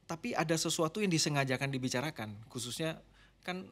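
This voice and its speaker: A middle-aged man, a pastor and marriage mentor, talking easily as a guest on a podcast, explaining in a relaxed way. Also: a little high, brisk. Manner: relaxed, explanatory, drifts between formal and slangy Indonesian. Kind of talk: casual podcast conversation.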